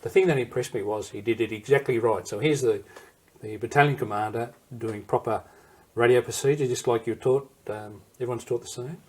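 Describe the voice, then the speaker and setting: In a recorded interview, an older Australian man shares memories of the war, his anecdotes rambling, digressing and restarting before he circles back. He speaks briskly at medium pitch with a darkish tone.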